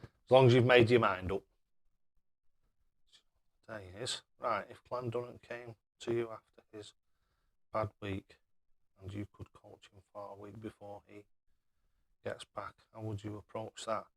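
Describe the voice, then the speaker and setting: A man's voice: on the low side, level tone, unhurried, long pauses, rough recording. A man chatting casually on a live stream as he plays darts, matey and self-deprecating.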